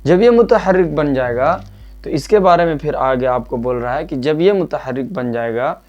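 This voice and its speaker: A man teaching a Quran reading lesson, patiently asking questions and answering them himself, and drilling letter sounds slowly. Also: on the high side, animated, a little mellow, muffled recording. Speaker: religious teacher.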